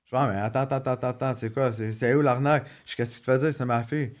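A podcast guest in his thirties with a Quebec French accent talks very fast in a mid-range voice with fairly even intonation. He's telling personal stories in casual conversation, joking and frequently restarting with fillers.

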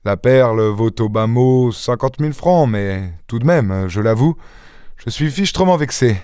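A man reading an audiobook voices a boastful, witty gentleman thief with theatrical exclamations. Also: mid-range voice, animated, a little slow, clear, resonant tone, no echo, clean studio sound, close to an everyday voice. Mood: rueful. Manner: theatrical, exclaiming, mock-indignant.

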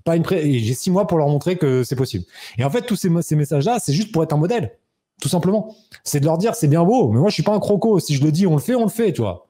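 Fast-talking animated man in his thirties. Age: 30s. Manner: animated, acts out quoted dialogue with raised pitch. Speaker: interview guest. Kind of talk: casual storytelling.

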